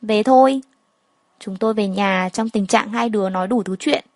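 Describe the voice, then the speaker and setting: A woman storyteller reading a first-person story in a steady, matter-of-fact way. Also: mid-range voice, a little fast, no room sound.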